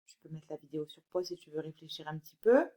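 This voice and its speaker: A woman teaching a recorded phonics lesson to young children, reading words slowly and clearly and encouraging the child directly. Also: deep voice, expressive, warm tone. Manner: slow, clear, drawn-out word by word reading. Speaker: primary school teacher.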